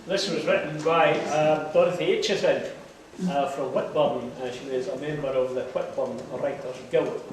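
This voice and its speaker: Echoey, higher-pitched man, broad Scottish accent. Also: fairly even intonation, moderate pace, hardly any pauses. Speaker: amateur poetry reciter. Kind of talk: live recital of comic dialect verse. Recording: very echoey hall, distant mic, noisy.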